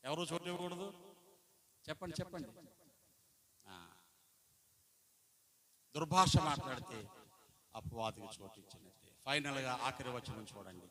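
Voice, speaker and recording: A male pastor preaching a Sunday sermon. He poses questions to the congregation and answers them, moving between loud, emphatic lines and quiet asides. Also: mid-range voice, normal speed, long pauses. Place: church service. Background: congregation sounds.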